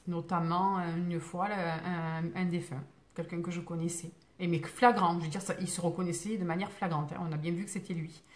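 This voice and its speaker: A woman's voice: lowish voice, steady tone, brisk, hardly any pauses, a little mellow. Rambling French woman medium on a live stream. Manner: digressive, many fillers and restarts, reassuring tone. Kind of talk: rambling casual live talk, answering viewer comments. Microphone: phone.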